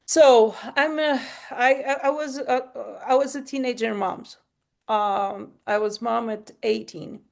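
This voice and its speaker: She speaks slowly in a slightly high, steady voice with vocal fry. A Portuguese podcast host running low on sleep, she chats casually, rambling, laughing and breaking off her own sentences.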